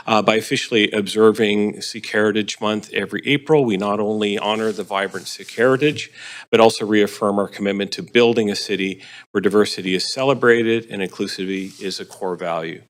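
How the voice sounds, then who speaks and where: A man, a city councillor from Canada, giving measured remarks at a council meeting with frequent pauses. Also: lowish voice.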